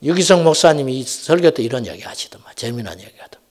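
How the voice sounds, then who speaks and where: Lively Korean pastor preaching at night. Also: male voice, mid-range voice, fast. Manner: animated, swings between shouting and near-whispering asides; folksy storytelling with acted quotes. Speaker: senior pastor. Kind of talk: Friday night sermon. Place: church sanctuary.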